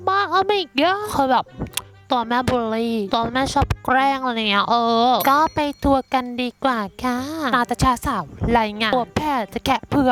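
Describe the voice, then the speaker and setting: Woman gamer squealing and cursing through gameplay commentary, high voice, game music playing behind her. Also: moderate pace. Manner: excitable, shrieky, cursing, English exclamations. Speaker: gaming creator.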